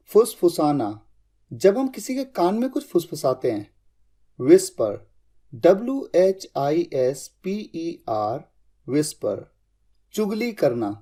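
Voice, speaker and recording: A man's voice: on the high side, mellow. A man teaching English vocabulary in a lesson, spelling out each word letter by letter.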